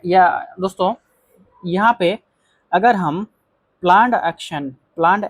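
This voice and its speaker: A patient grammar teacher walks through quiz questions, saying each rule twice and dictating example sentences word by word. The voice sits at an ordinary middle pitch. It is recorded dry and close, with no room around it. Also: no echo. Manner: repeats key phrases, reads example sentences slowly; addresses viewers as friends. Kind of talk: explanatory grammar lesson.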